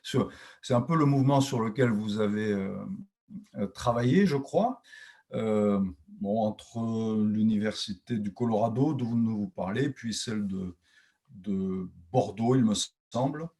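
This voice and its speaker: A man moderating a literary discussion panel, speaking haltingly with many fillers. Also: lowish voice, dark tone.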